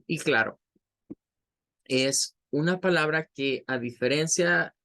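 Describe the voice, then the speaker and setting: A man teaching English vocabulary to Spanish speakers, explaining slowly and patiently, spelling out words and repeating each syllable. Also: fairly high pitch, sharp tone. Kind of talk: bilingual vocabulary lesson.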